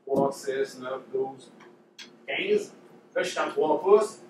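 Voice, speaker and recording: Quebec French drum instructor in echoey room. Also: male voice, mid-range voice, slow pace. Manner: casual, demonstrative, repeats key points. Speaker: drumline instructor. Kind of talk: teaching a workshop. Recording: echoey room, mic far off, noisy.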